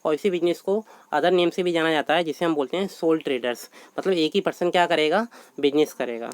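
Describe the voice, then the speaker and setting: A male teacher with an Indian accent giving a classroom lecture on business studies, reading English definitions slowly, then explaining them quickly with rhetorical questions. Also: a little high, smooth, no echo. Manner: repeats "thik hai" and asks rhetorical questions.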